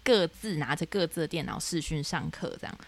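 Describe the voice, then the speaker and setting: Fast-talking young woman telling dreams. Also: low-pitched, background noise. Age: young adult. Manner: animated storytelling with many fillers. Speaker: podcast co-host. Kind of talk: casual chat.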